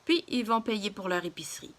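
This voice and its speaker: A woman reading a children's story aloud in a gentle, expressive way. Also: medium pitch, a little fast.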